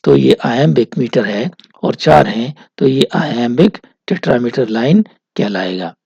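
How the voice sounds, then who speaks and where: A man giving a recorded literature lecture, explaining slowly with many hesitations. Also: mid-range voice, lively intonation, vocal fry, a little mellow, husky, no room sound. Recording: dull, dry lo-fi recording.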